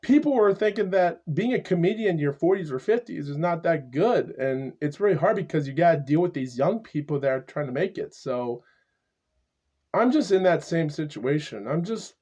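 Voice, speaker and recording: A man in his twenties talking to the camera in a casual vlog monologue, halting and repetitive, stuttering often. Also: a little high, lively intonation, a little mellow. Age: 20s. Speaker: YouTuber. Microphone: camera mic.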